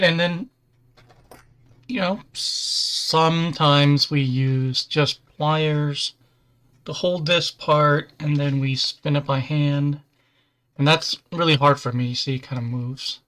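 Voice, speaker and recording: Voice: mid-range voice, a bit bright. A host chatting casually on a livestream while building a model kit, easygoing, with dry self-deprecating humor.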